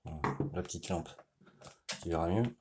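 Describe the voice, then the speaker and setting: A motorcycle mechanic with a French accent talks in a deep voice over a noisy background. He walks the viewer through a casual hands-on repair, addressing them directly and dropping in "tu vois" again and again. He explains as he works, pausing and restarting along the way.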